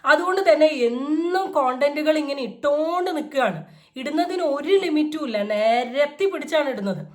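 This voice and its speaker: A woman vlogger hosting her reaction channel, giving casual commentary in an energetic, sarcastic and mocking manner. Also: high voice.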